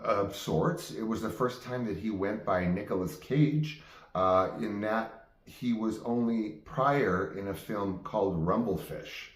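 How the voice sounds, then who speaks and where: Unhurried and fairly low in pitch, a man hosts his own game show and rambles through off-the-cuff stories for viewers, repeatedly cutting himself off to restart. The room is echoey.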